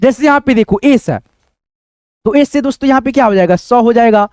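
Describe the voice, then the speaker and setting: A man's voice: extremely high pitch, brisk, darkish tone, no echo. A male teacher works through words one letter at a time, tapping out each sound and then saying the whole word. His talk is full of the word for friends and little checks like "okay". The recording is dry and close, with no room sound. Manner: repeats "dosto" constantly, spells out words letter by letter. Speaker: English teacher. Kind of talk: spelling lesson to camera.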